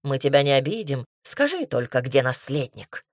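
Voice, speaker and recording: A woman's voice: a bass voice, very animated, normal speed, no echo, studio quality, pitched below the performer's own voice, exaggerated voice. Female narrator doing a mocking young brother, falsely soothing, audiobook. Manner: mocking, smirking.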